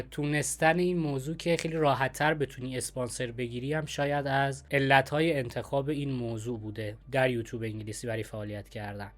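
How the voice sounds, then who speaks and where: A man's voice: mid-range voice, fairly bright tone. A man speaking as the host of a conversational interview.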